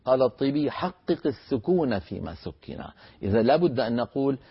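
A man teaching Quran recitation on a televised lesson. He chants verses slowly as examples and breaks words into single sounds to demonstrate them. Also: medium pitch, big pitch swings, creaky, husky, dull audio.

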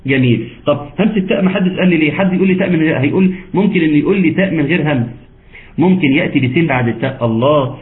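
In an online Quran recitation class heard through tinny phone-like audio, an Egyptian-accented man questions his students and teases them patiently. His voice is on the high side, and he talks in rapid-fire bursts.

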